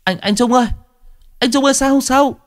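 A man's voice: very high voice, moderate pace, no room sound, clean studio sound, voice pushed up. A man voicing terrified young village men carrying a coffin, stammering in panic. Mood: panicked.

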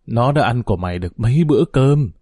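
An aggrieved old mother, voiced by a male storyteller who rants bitterly and shouts her grievances. The voice stays close to his own middle pitch, and the reading sounds dry and close. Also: lively intonation, quick pace, no echo, natural voice. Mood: wrathful. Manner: ranting, bitter.

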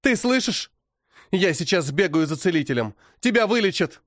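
A man voicing a fierce young woman warrior defending her husband, shrill and fiery, in an audiobook. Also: measured pace, no room sound, studio quality, natural voice. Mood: pleading. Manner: furious, pleading, shrill.

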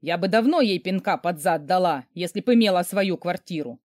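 A woman's voice: lowish voice, expressive, fairly quick, a little mellow, no echo, clean studio sound, close to an everyday voice. A woman reading an audiobook, voicing a spiteful, scheming middle-aged mother with a cold, contemptuous delivery. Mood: bitter.

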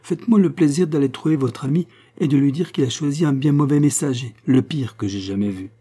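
A man's voice: fairly quick, dark tone, husky, close to an everyday voice. A man reading a novel aloud, voicing a scheming, sneering woman in a raised, mocking tone. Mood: scornful. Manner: sneering, mocking, shrill outbursts.

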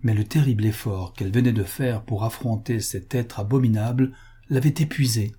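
A man narrating an adventure novel aloud in a steady, measured storytelling manner. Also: fairly low pitch, breathy edge. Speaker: reader. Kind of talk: audiobook narration.

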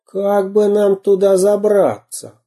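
A man doing a squeaky, scheming little robber who plots in a sly, raised voice. The tone stays dark and husky underneath. It is a storybook reading. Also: fairly even intonation, slow pace, exaggerated voice.

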